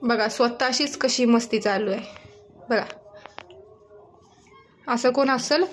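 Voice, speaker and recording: Woman w cooing at her cat, high voice, slow unhurried talk, bit of noise behind. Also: soft background music. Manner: teasing, coaxing, laughs often. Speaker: pet vlogger. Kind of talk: talking affectionately to a pet cat.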